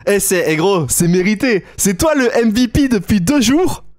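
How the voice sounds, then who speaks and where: A young man streamer commentating a tournament live, hyped and slangy, cheering and shouting at the big moments, heard through a gaming headset. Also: high voice, animated, moderate pace.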